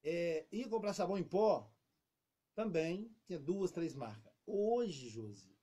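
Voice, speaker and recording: A man speaking as an interview guest, telling a lively story and acting out quotes in casual explanatory talk. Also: high voice, takes it slowly, husky.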